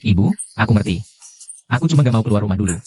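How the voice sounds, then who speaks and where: A man's voice: fairly low pitch, expressive, rapid-fire, darkish tone, breathy edge. An actor voicing a heartbroken young man, a moping CEO son full of self-pity, in a dubbed drama. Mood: mopey. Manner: mopey, self-pitying.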